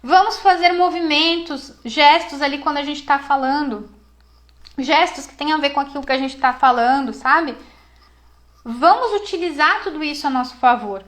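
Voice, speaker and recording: A woman's voice: sits high, normal speed, a bit bright. A woman psychologist teaching a live online class, encouraging and conversational, with many fillers.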